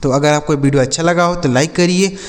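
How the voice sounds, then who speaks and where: Talking fast in a slightly high voice, this man teaches children English words through Hindi, spelling every word letter by letter and repeating each example sentence twice. He speaks to viewers as kids in a slow spelling-and-translation lesson with a big-room sound.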